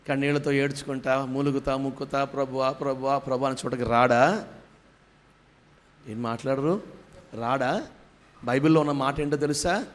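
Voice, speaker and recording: A man preaching a sermon as pastor, pressing the congregation with questions and urging them to praise aloud. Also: on the high side. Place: church hall.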